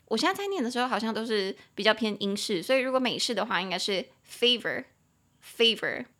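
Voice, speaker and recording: This podcast host teaches English in a relaxed, talkative way, drifting into digressions, spelling words aloud, and moving back and forth between Mandarin and English. Her voice is fairly high, expressive and a bit bright, and she races along.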